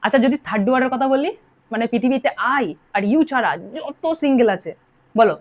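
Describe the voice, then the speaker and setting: A woman's high-sitting voice, fairly quick in pace, leads an English grammar lesson. She is from Bengal, and she drills her students and asks them to call out their answers aloud.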